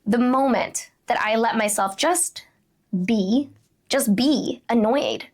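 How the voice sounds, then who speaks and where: A woman's voice: fairly high pitch, takes it slowly, a little mellow. A woman in her thirties hosting a solo podcast, telling a personal story in a conversational way with frequent "right?" asides. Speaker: podcast host.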